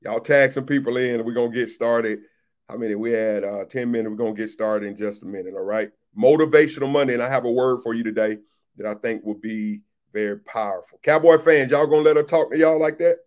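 A man's voice: fairly low pitch, a little fast. A man who is a pastor, hosting a casual livestream chat, reading out viewer comments and greeting people by name, often repeating his phrases.

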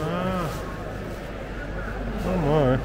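Guy vlogging thru a busy market, highish voice, slow drawl, lots of oh my. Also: heavy background noise. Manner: exclamatory, marvels aloud. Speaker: travel vlogger. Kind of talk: casual walking-tour commentary. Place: indoor market hall.

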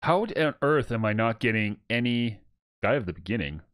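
A man's voice: mid-range voice, expressive, normal speed, fairly bright tone, no echo, studio quality. A man hosting a casual co-op game session, playful and mock-grumpy, laughing as he plays. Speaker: gaming channel host. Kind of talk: casual co-op gameplay chat.

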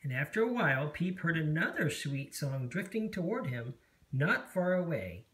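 A parent reading a picture book aloud at bedtime, slow and expressive. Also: mid-range voice.

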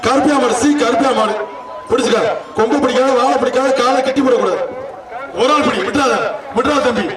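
At a bull-taming contest, a male announcer with a Tamil Nadu accent shouts excited live commentary over a loudspeaker in a very high-pitched, fast voice, repeating calls and urgings. His amplified voice echoes distantly across an outdoor arena, with a loud crowd behind.

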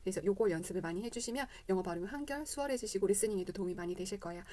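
Brisk Korean woman teaching English vowels. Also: medium pitch, lively intonation, warm tone. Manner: demonstrates English vowels with repeated drills. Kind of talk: casual spoken lesson.

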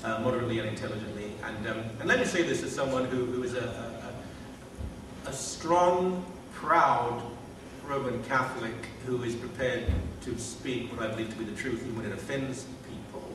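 A man in his fifties hosts a panel in a large lecture hall, introducing guests with wry, self-deprecating jokes, hesitating and using many fillers. His mid-range voice moves at normal speed. A table mic and distant camera capture him from far off, so the sound is echoey and noisy.

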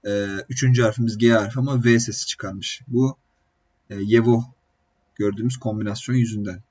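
A man's voice: on the low side, steady tone, brisk, darkish tone, husky. A man teaching an online language lesson, explaining step by step with frequent hesitation fillers. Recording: dull lo-fi recording.

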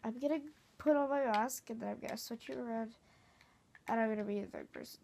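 A woman's voice: fairly high pitch, quick pace, creaky, a little mellow, a little hiss or hum. A woman casually chatting as she hosts her own gameplay video, rambling and playful. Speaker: gaming video host.

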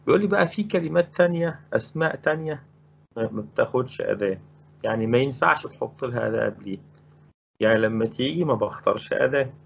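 A man's voice: mid-range voice, expressive, fast talker, gravelly, muffled recording, a little hiss or hum. A man with an Egyptian Arabic accent teaching Spanish grammar in a recorded lesson, explaining step by step and repeating each word. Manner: explains step by step, repeating words and asking rhetorical questions.

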